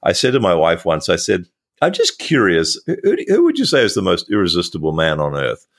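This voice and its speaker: A man with a very low voice hosts a podcast interview. He talks chattily, tells stories that poke fun at himself, and laughs often. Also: huge pitch swings, fast, creaky. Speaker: podcast host. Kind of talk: conversational storytelling.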